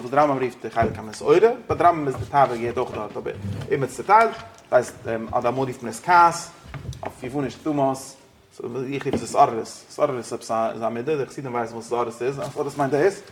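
A man's voice: mid-range voice, brisk, slight background noise. A man teaching an interactive religious study class, questioning his students and slipping into English phrases.

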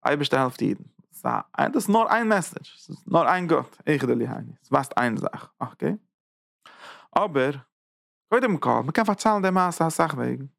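A man teaching a religious class in a lively way, repeating phrases, asking rhetorical questions and jumping up in pitch to stress points. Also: moderate pace, gravelly, no echo, studio quality. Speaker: Torah teacher giving a class.

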